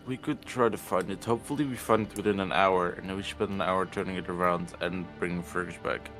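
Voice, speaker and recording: A man's voice: sits low, fairly even intonation, fast, music in the background. A man playing a tabletop game, chatting casually and teasing the others at the table. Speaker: player.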